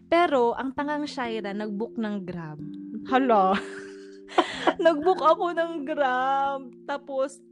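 A young woman casually telling a story, animated, laughing often and acting out what people said. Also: sits high, slow pace. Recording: music playing behind.

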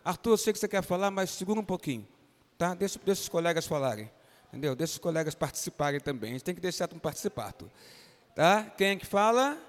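Speaking fast in a high-pitched, sing-song voice, a Brazilian Portuguese-accented pastor leads children through an interactive Bible lesson, calling on them by name to get answers. The church hall around him is reverberant.

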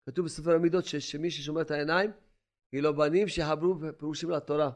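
A man's voice: fairly high pitch, fairly even intonation. Older man preaching a Torah lesson. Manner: emphatic, repetitive preaching with rhetorical questions; shifts between loud exclamations and quiet asides. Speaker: rabbi.

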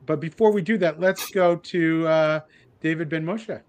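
A man with a slightly high voice acts as moderator. He speaks in the manner of someone steering a panel discussion. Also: moderate pace.

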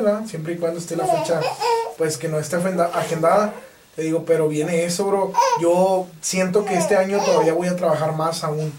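Slangy Mexican man in an echoey room. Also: a little high. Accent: Mexican Spanish. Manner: relaxed slangy talk, laughs often. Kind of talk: casual interview chat. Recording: echoey room, distant mic, background noise.

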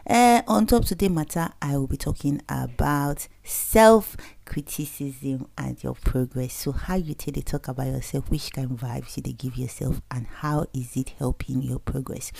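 A woman's voice: very deep voice, vocal fry, warm tone, no echo. A woman in her thirties with a Nigerian accent, giving an earnest, conversational faith-based motivational talk as a podcast host, slipping between Pidgin and English.

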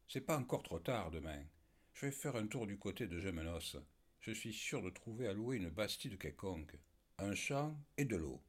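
A man voicing a fretful young peasant, worried and pleading, in a storybook reading. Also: lowish voice.

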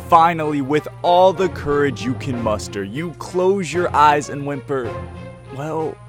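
A man hosting a Bible teaching show, delivering a scripted talk in an energetic, playful way with little dramatic skits. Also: a little high.

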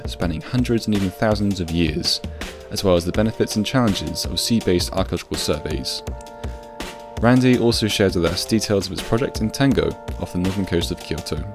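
A young man hosts an academic podcast, his very deep voice measured and formal as he reads. Music plays clearly behind him. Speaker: podcast host. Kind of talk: scripted podcast introduction and interviewing.

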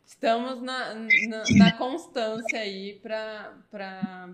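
A woman, the mother of a toddler, chatting in a lively way, often restarting her phrases and laughing. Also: on the high side, drawn-out words. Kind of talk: casual conversation. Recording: echoey room.

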